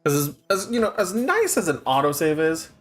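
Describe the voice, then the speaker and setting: A man casually commentating on a game live as a streamer, thinking out loud. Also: a little high, wildly swooping pitch, brisk, faint music behind. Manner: reads game text aloud, thinks out loud.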